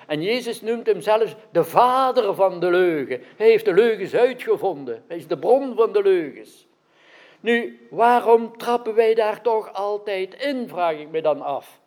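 High-voiced preacher quizzing his listeners. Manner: questions the audience, adds frequent "right?" checks. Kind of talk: interactive sermon.

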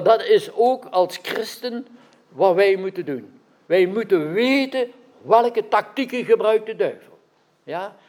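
A man's voice: high-pitched, a little mellow. A man preaching a sermon, often asking his listeners questions and checking that they follow. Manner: questions the audience, adds frequent "right?" checks. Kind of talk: interactive sermon.

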